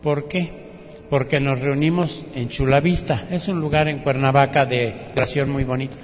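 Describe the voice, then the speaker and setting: A man's voice: mid-range voice, steady tone, moderate pace, in a large hall. A man with a Mexican Spanish accent giving a spoken religious testimony, telling his story and acting out other people's words. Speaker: testimony speaker.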